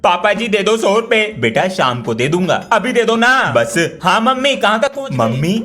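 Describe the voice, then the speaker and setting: A young man acting out everyday comedy skits with lively, bantering dialogue. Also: high-pitched, normal speed, faint music behind. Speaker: comedy skit creator.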